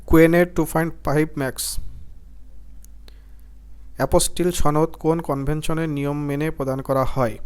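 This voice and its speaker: A man from Bangladesh reading out job exam quiz questions, each followed by its answer in a lower, softer voice. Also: flat delivery, normal speed, long pauses, clean tone.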